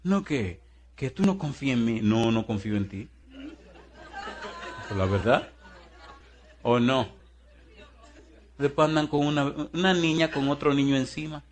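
A man's voice: lively intonation, unhurried, pauses often. A man preaching a sermon as pastor, firing rhetorical questions at the congregation in a folksy, teasing way. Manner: swings between booming and hushed.

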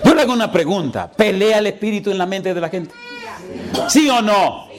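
A man's voice: high-pitched, expressive, moderate pace, crowd noise. A middle-aged male pastor who tells a story in his sermon, laughing often and putting questions to his congregation.

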